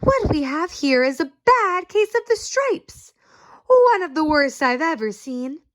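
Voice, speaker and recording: A woman voicing a kind, sweet old lady in a read-aloud storybook, speaking brightly and gently. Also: high-pitched, very animated, measured pace, no room sound, pitched above the performer's own voice. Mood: kindly.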